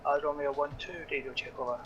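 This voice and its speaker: A man's voice: fairly high pitch, flat delivery, quick pace, highs cut off, noisy background. A man heard over a walkie-talkie radio, giving clipped call signs and radio checks in a team game.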